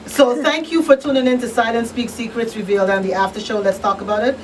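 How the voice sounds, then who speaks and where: A woman with a fairly high, steady voice talks quickly while hosting a casual radio talk show in a studio. She speaks emphatically and now and then reads out announcements. The distant mic picks up faint background noise.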